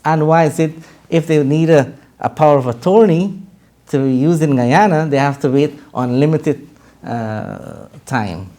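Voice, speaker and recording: A man's voice: on the high side, animated, unhurried, dark tone. A man hosting a TV interview program in a studio, asking questions in a formal, somewhat hesitant way. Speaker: TV interview host.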